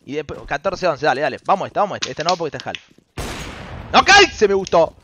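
A young Argentine man co-casting an esports match, shouting and laughing at the plays in slangy live commentary. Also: a little high, expressive, rapid-fire, dull audio, slight background noise.

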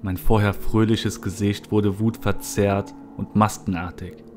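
A man narrating a horror story in the first person, in a somber, low-key manner. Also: flat delivery, unhurried, slight background noise. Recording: soft music behind.

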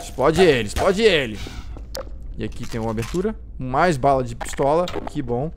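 A man's voice: medium pitch, animated, moderate pace, background noise. Jumpy Brazilian man narrating a game. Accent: Brazilian Portuguese. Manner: jumpy, yelps and swears when startled. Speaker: gameplay streamer. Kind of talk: let's play commentary.

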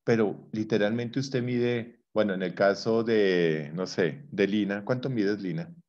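A man's voice: fairly low pitch, a little slow, a little mellow, lo-fi sound. A man teaching a psychology class, explaining with playful examples and teasing his students. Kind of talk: online class lecture.

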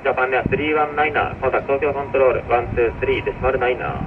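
A man's voice: medium pitch, very fast, far from the mic. A man with a Japanese accent working as an air traffic controller, speaking clipped radio phraseology over a radio link. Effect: radio transmission. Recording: muffled, noisy aviation radio reception.

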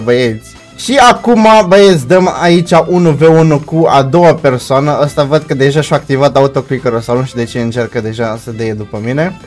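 A young man giving excited commentary over his own gameplay, shouting and laughing as fights swing and mixing in English slang. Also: on the high side. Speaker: gaming YouTuber.

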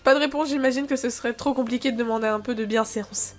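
A woman reading a dating game aloud, expressive and chatty, giggling between lines and adding casual asides. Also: a little high, fast talker, faint music behind.

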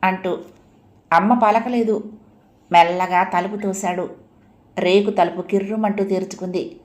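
A woman reading a story aloud in a gentle, unhurried storytelling manner. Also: mid-range voice, steady tone. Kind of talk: audiobook story narration.

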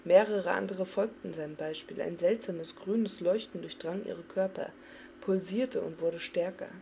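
A woman giving an expressive, dramatic reading of a fantasy novel. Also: fairly low pitch, unhurried, creaky, slight background noise. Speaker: audiobook reader.

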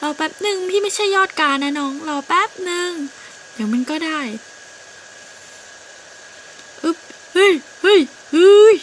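A woman's voice: very high-pitched, animated, moderate pace, a little hiss or hum. A woman voicing an eager young male crow who coaxes his little sister and yelps when things go wrong. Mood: coaxing. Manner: coaxing, then yelping in panic.

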